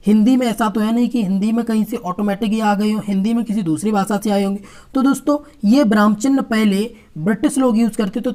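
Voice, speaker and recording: A woman's voice: fairly high pitch, a little mellow. A woman teacher with a Hindi accent, reading out exam questions and their answers and explaining each step by step to her viewers.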